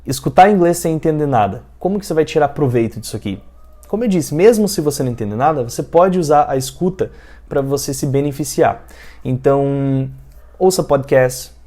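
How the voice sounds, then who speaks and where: Mellow-voiced Brazilian male English teacher. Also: medium pitch. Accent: Brazilian Portuguese. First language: Portuguese. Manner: informal, repeats points with "tá?" and "né?". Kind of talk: explaining language learning tips to camera.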